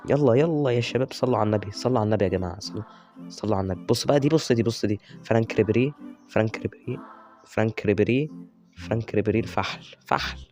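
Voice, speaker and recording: Egyptian man, rapid-fire game commentary, cheers on his players, warm mellow tone, faint music underneath. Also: lowish voice. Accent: Egyptian Arabic. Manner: excitable, chatty, cheers on players by nickname. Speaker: gaming YouTuber. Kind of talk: live gameplay commentary.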